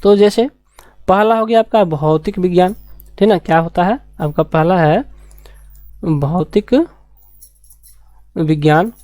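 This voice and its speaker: Dark-voiced woman teaching a science class. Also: lowish voice, no room sound. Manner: repeats key terms slowly, asks rhetorical questions. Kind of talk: classroom lecture.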